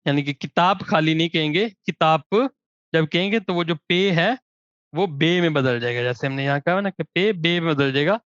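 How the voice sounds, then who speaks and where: A language teacher with a somewhat high, slightly bright voice explains grammar quickly, then slows down to draw out each spoken example word before moving on. The recording is dry and close, with no room sound and a slightly dull, lo-fi tone.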